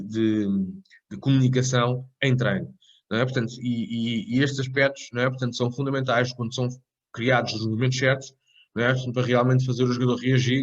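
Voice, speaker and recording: A man lecturing on a coaching course, rambling with frequent tag questions and restarts. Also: mid-range voice. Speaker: tennis coach educator. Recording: dull lo-fi recording.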